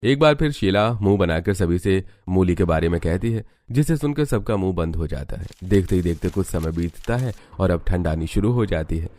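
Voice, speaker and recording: A man with a very deep, low voice narrates a cartoon family story. His delivery is even and steady, in scripted storybook style. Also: normal speed, few pauses.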